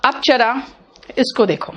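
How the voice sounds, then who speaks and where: High-voiced, slow Indian woman teacher. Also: muffled recording. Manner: patient, repeats sounds slowly, calls students "beta". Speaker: English teacher. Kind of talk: online class teaching pronunciation.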